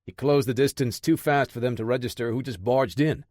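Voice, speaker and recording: A man narrating an action audiobook in a steady, dramatic storytelling manner. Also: medium pitch, a little fast, no room sound, clean studio sound. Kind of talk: scripted narration.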